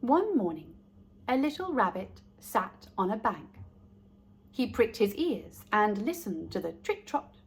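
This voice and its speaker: With a very animated, mid-range voice, a woman hosts a children's story reading, addressing young listeners directly and speaking deliberately.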